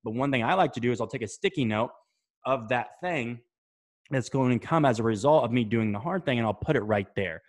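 A man's voice: mid-range voice, lively intonation, fairly quick. A young man talking casually to camera, giving habit advice, loose and chatty, swearing now and then and checking in with "right?" and "okay?". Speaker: self-improvement vlogger.

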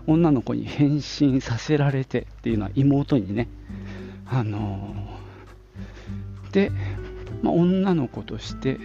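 A man in his late fifties talks slowly and loosely through his podcast diary, with a gravelly edge and plenty of fillers. He is walking outdoors on his way to work and sounds a little out of breath. The recording is dull and lo-fi, with wind noise and faint music behind him. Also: medium pitch, lively intonation. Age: 50s. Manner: chatty, rambling, many fillers. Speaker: podcast host. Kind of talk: casual audio diary while walking.

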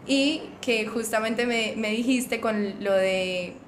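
A woman guest on a casual podcast, telling her side of a story in a relaxed, chatty way. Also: a little high, slow pace. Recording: echoey room, faint background noise.

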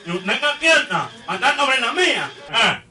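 A man's voice: extremely high pitch, sing-song, a little slow, voice pushed up, full character voice. A man voicing a defiant rival male ox-cart driver who has a nasal speech impediment and mocks and challenges the other driver. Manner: mocking and challenging.

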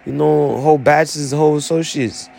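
A man's voice: a little high, fairly even intonation, a little fast, creaky, a little mellow. A man, an army veteran, talking through his story in a rambling, profane monologue full of fillers.

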